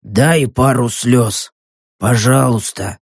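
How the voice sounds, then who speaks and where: A rough squad fighter worn out from battle, as a male narrator puts him on, with a gravelly, husky voice. He talks very slowly and gruffly. The recording is dry and close. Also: mid-range voice, no room sound, pitched below the performer's own voice. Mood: weary.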